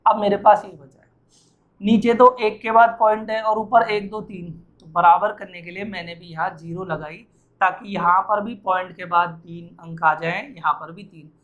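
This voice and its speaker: This high-pitched, fairly bright male voice belongs to a math teacher working through arithmetic at the board, tired and sweating as he asks and answers his own questions. His intonation stays fairly even, his speed is normal, and the recording is muffled.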